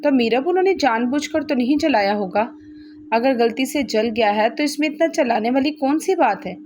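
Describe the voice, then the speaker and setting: A woman voicing a patient, firm middle-aged mother who reasons calmly with her daughter. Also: high voice, normal speed, a little hiss or hum.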